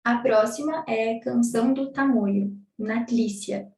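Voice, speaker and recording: A young Brazilian woman reading poems aloud and explaining them in a relaxed study style. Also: on the high side, distant mic, a little hiss or hum. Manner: reads verse slowly, then explains in casual chat. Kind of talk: poetry reading with study commentary. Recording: roomy echo, voice a bit off mic.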